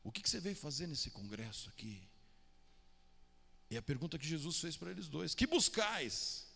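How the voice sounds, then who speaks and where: A man's voice: a little high, very animated, a little fast, gravelly, a bit bright, breathy edge. A man preaching a sermon, firing questions at the congregation and calling on listeners by name. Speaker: pastor. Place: church hall. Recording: long church hall reverb.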